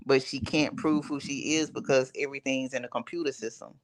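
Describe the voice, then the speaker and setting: A man's voice: medium pitch, fairly even intonation, brisk, a little hiss or hum. A man on a casual livestream, explaining things plainly with fillers. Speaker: livestream guest.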